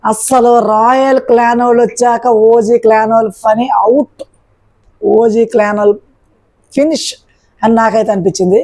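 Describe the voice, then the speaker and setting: A woman's voice: fairly high pitch, fairly even intonation, normal speed, mellow. A woman recapping a reality show episode in an opinionated commentary, firing off rhetorical questions.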